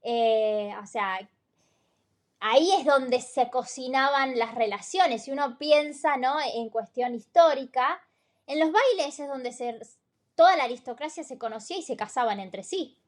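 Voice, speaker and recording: A woman's voice: sits high, unhurried. A woman co-hosting a podcast, retelling stories in a conversational way with many fillers and tag questions. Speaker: podcast co-host. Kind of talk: casual podcast chat.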